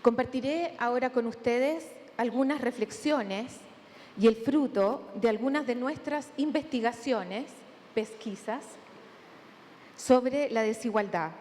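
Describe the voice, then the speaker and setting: Chilean woman, conference speaker, measured and deliberate, slightly high voice, long hall reverb, faint room noise. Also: darkish tone. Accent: Chilean Spanish. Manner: measured, deliberate, with thinking pauses. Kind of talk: academic conference talk.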